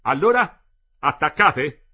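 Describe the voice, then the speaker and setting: A domineering middle-aged engineer, furious and contemptuous, who barks his lines high and loud with a husky edge, as a male reader puts him on. Each retort lands like a blunt order. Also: sing-song, slow pace, highs cut off, heavily acted. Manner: shouting, curt and contemptuous.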